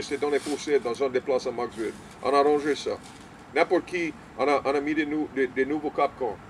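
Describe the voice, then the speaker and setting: An older man, a small-town mayor, speaks with a Cajun French accent in a casual interview, his medium-pitched delivery halting and repetitive with English words mixed in. Faint vehicle noise sits behind his voice in this low-quality recording.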